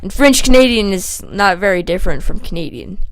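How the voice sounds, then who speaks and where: A young woman with a sore throat tells a rambling storytime vlog, full of fillers and self-mocking asides. Her voice sits in an ordinary middle pitch. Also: animated, fairly quick. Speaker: vlogger.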